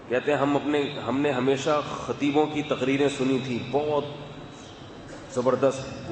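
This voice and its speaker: A male preacher talks in a relaxed, chatty manner, turning to his listeners with asides. His voice sits in the middle range and rings through a roomy hall with a long echo. A faint hum lies under the talk. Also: mid-range voice. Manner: calm, chatty, asides to the audience. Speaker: religious scholar giving a talk. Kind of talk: conversational religious talk.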